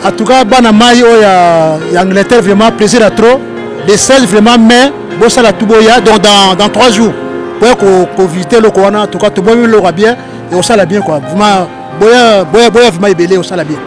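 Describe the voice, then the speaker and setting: A middle-aged man, a musician, answering interview questions in a halting way and often repeating his words. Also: high-pitched, over music. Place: busy train station.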